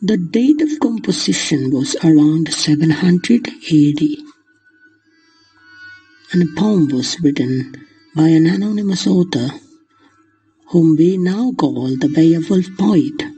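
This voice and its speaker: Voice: mid-range voice, lively intonation, slow pace, long pauses, warm tone, slightly rough, soft background music, poor audio. A lecturer explaining literature in the manner of a lesson, glossing terms in simple words along the way.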